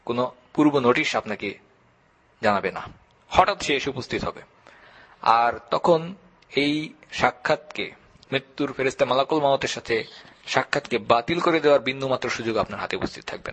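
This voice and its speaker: A man giving an earnest, measured religious lecture, stressing his points through repetition. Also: mid-range voice, a bit bright, husky. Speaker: Islamic lecturer.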